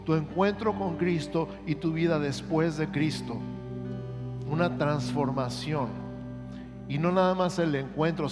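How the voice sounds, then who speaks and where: A man preaching a sermon as pastor and leading a prayer for the congregation to repeat. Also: fairly high pitch. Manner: earnest, leads a repeat-after-me prayer. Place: church sanctuary. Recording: church hall reverb with music underneath.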